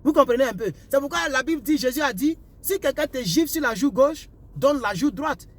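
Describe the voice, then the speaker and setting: High-voiced Ivorian man talking while driving. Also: expressive, a little fast. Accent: Ivorian French. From Ivory Coast. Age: young adult. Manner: repetitive, preachy, asks "vous comprenez un peu?". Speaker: vlogger giving life advice. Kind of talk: casual advice talk while driving. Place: inside a car on the road. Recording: faint road and car noise.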